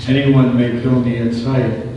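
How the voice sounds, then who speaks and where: A man reading scripture and a psalm at Mass, slow and solemn, his voice heard in cathedral echo. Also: mid-range voice, little pitch movement, warm tone, dull audio. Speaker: lector and psalm cantor. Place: large church. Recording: distant voice in an echoing church hall with background noise.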